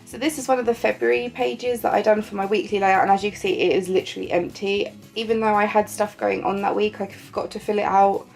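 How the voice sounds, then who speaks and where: Talking quickly with hardly a pause, this woman vlogger has a creaky, darkish, medium-pitched voice and fairly even intonation. She sounds congested and nasal as she casually walks through her pages, poking fun at herself with little laughs while faint music plays behind her.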